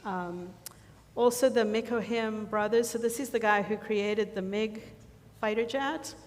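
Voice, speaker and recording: A woman's voice: medium pitch, steady tone, unhurried. A woman presenting a mission trip slideshow to a church congregation, chatty and full of ums, often losing her thread and starting over. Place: church sanctuary. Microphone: handheld or lapel mic. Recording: reverberant church hall, faint noise.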